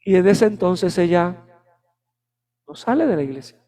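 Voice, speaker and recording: A male preacher delivers a sermon full of personal anecdotes. His voice sits high, and he acts out the moments he describes. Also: animated, normal speed, warm tone. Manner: storytelling, dramatizing anecdotes. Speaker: pastor.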